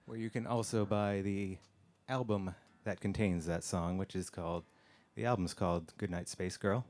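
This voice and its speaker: A man's voice: deep voice, fairly even intonation, normal speed, darkish tone. A man putting on an old-time AM radio announcer voice while plugging a band's album. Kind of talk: put-on radio announcer delivery.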